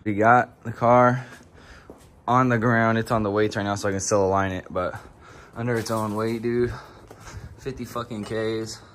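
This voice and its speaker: A man's voice: lowish voice, steady tone, normal speed, pauses often, fairly bright tone. A young man talking casually about his car build, slangy and profane, with a noisy background behind him. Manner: slangy, profane, laid-back. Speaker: car vlogger. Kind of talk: casual vlog narration.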